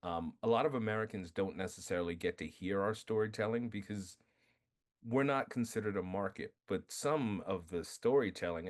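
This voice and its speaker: A man being interviewed about his film, telling animated stories, acting out quotes and laughing often. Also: fairly low pitch. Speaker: filmmaker guest. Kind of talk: casual interview storytelling.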